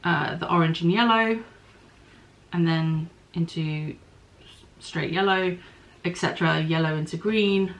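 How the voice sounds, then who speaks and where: On a low-quality recording, a woman with a fairly low voice speaks a little slowly. She's a podcast host musing chattily over her crafts, thinking aloud about knitting and spinning and offering small apologies along the way.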